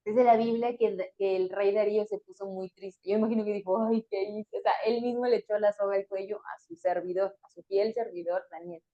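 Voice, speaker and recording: A woman's voice: mid-range voice, steady tone, brisk, few pauses. A woman teaching a Bible story in a conversational way, with fillers and small laughs between phrases. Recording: dull lo-fi recording.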